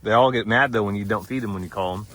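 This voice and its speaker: A man's voice: lowish voice, fast talker, fairly bright tone, a little hiss or hum. A man chatting casually and teasing outdoors on his farm as a vlog host. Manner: folksy, teasing, drawling farm talk. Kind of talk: casual chat. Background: farm animals.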